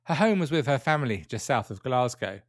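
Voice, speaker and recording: A man's voice: mid-range voice, very animated, a little fast, no echo, clean studio sound. A British man hosting a true crime podcast, narrating from a script in a conversational way with dryly wry asides. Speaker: podcast host.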